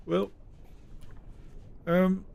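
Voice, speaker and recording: This young Finnish-speaking man has a high voice with vocal fry and a darkish tone. He chats casually with viewers and reads their messages aloud while streaming live gameplay from his home setup.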